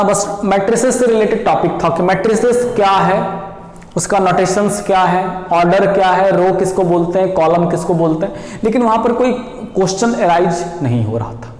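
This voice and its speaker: Brief: a high-pitched male math teacher who quizzes the class and answers himself, in a roomy, echoing space. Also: a little mellow. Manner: repeats questions to the class and answers them himself. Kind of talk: classroom lecture. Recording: echoey room, long reverb.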